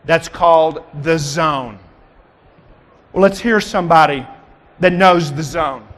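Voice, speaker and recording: A man with a high voice delivers a motivational keynote from a convention stage. He is dramatic and keeps firing questions at the crowd. His voice rings with a long hall reverb. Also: fairly bright tone. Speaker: keynote speaker.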